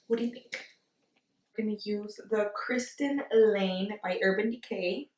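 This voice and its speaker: This woman, a beauty vlogger, talks through a laid-back makeup tutorial in a giggly, tipsy, playful way, using slang and lots of exclamations. She has a medium, slightly dark voice and a measured pace. The room is echoey, and she's distant from the microphone.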